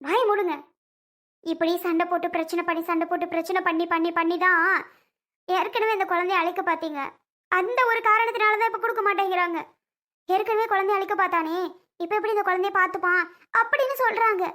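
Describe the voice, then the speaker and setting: A woman's voice: very high-pitched, fairly even intonation, a little fast, pushed and bright. A woman voicing a heartbroken young woman who talks in a weepy, pleading, self-pitying way. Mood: tearful.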